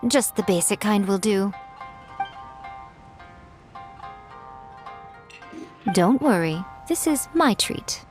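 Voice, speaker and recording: A woman's voice: mid-range voice, expressive, moderate pace, soft background music, close to an everyday voice. A woman playing a sly, teasing kitsune publishing boss in a video game, poised and instructive. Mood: teasing, theatrical.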